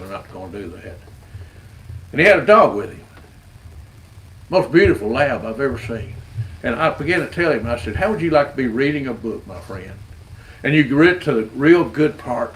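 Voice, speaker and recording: A man's voice: mid-range voice, a bit bright, rough recording. A man, a street rodder giving an earnest, folksy evangelistic testimony and often repeating words as he goes. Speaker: street rodder sharing his faith.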